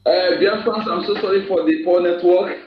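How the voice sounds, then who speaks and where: A man, calling in over a bad phone connection played through a loudspeaker, lecturing listeners in an emphatic, repetitive way. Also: high voice, fairly even intonation, measured pace. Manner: emphatic, repetitive, urging listeners to note points. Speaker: phone-in guest speaker. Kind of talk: informal lecture to a live audience. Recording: echoey, muffled phone line over a speaker.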